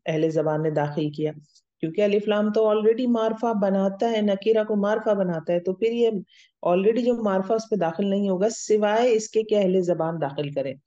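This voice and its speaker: A woman's voice: medium pitch, warm tone. A woman teaching Arabic grammar in a recorded lecture, explaining step by step and often checking that students follow. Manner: explains step by step, checks understanding with "theek hai?". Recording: dull lo-fi audio.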